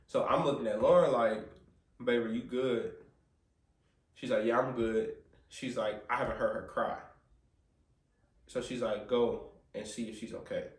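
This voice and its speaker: A man's voice: mid-range voice, moderate pace. A man telling his baby's birth story with earnest feeling, quoting himself and the nurses as he goes. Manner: earnest, quotes himself and others, prays aloud. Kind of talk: emotional storytelling. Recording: roomy sound, mic at a distance.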